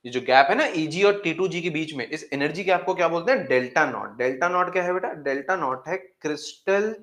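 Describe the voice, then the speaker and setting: A man's voice: fairly high pitch, expressive, fairly quick, fairly bright tone. A man teaching chemistry in a classroom lecture, who repeats key phrases and asks his students questions that he then answers himself. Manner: calls students "beta" affectionately. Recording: echoey room.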